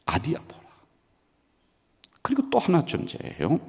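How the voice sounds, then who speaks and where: A male senior pastor preaching a sermon in an animated, rhetorical way, often calling out to the congregation directly. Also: on the high side, a little slow, vocal fry, in a whisper. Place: church sanctuary. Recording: long reverb of a church sanctuary.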